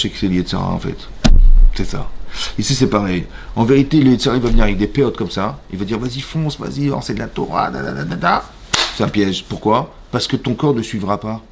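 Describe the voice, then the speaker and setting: A man with a French accent, a rabbi giving an animated Torah class in a synagogue, questioning his listeners and acting out voices. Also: fairly low pitch, creaky, a little hiss or hum. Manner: animated, asks the audience questions, acts out voices. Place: synagogue hall.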